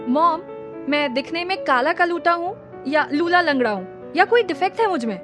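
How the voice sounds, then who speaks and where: A woman's voice: high voice, moderate pace, voice pushed up. A woman voicing a teasing young man. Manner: lively, joking, exasperated. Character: playful young male teacher, teasing son. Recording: music playing under the voice.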